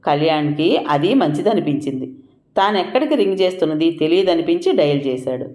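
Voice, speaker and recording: A narrator telling a scripted audio story at mid pitch, steady and expressive. The reading echoes around a roomy space. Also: fairly quick. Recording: roomy echoing room.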